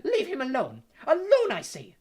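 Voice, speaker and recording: A narrator voicing a stern, fearless female professor who shouts commands indignantly in an audiobook story. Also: high voice, wildly swooping pitch, normal speed, voice pushed up. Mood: outraged.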